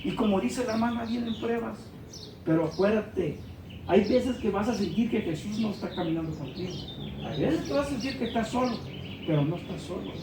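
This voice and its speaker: Preacher far from the mic in a roomy church, noisy background, goes loud then soft acting out little scenes. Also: medium pitch, animated, brisk. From Mexico. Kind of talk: sermon. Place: church hall. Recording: echoey church hall recorded from far off, with background noise.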